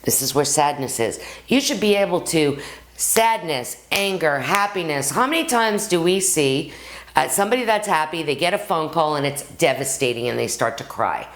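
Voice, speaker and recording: Low, lively-voiced woman acting coach. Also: moderate pace. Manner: lively, addresses viewers as "guys", acts out anecdotes. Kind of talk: direct-to-camera acting lesson.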